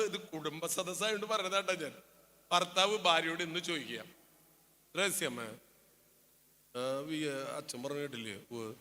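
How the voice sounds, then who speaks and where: A priest preaching to families, telling a story by acting out its dialogue, jumping between loud high bursts and hushed asides. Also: male voice. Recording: hall reverb.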